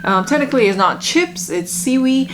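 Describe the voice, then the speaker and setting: A woman giving a casual, halting taste-test review, with lots of filler words like "like". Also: high voice, expressive, noisy background. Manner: halting, filler-heavy, frequent "like". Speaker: food review vlogger.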